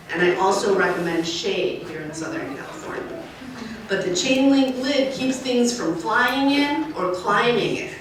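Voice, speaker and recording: A woman urban wildlife specialist giving a lively, emphatic outdoor talk, often checking in with her listeners. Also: mid-range voice. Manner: lively, emphatic, keeps asking the crowd "right?". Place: outdoors at a nature center. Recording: echoey, distant, faint noise.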